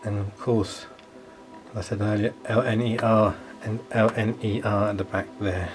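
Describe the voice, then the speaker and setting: A man's voice: fairly low pitch, flat delivery, moderate pace, music in the background. A man casually commentating on his model railway as a hobbyist reviewer. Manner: playfully spooky, exclaiming in mock surprise at times.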